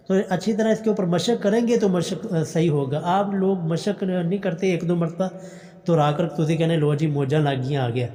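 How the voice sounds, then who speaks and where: Man chanting slowly, teaching recitation. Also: on the high side, mellow, big-room sound. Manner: recites verses slowly in a drawn-out chant, then explains quickly; patient, repeats and corrects. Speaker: Quran teacher. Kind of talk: Quran recitation lesson.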